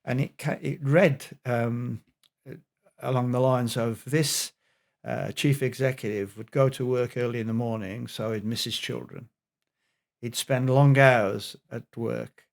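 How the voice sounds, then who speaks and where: A middle-aged man, a health expert guest on a podcast, telling an animated anecdote. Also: medium pitch, unhurried, vocal fry. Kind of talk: storytelling in a podcast interview.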